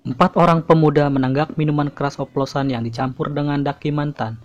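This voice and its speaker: Man as spoof news reporter, higher-pitched, deadpan delivery, dry dull recording. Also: a little fast, lightly acted. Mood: deadpan, formal. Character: parody news reporter reading absurd items gravely. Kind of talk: scripted mock news voice-over. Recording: dry, slightly muffled voice-over.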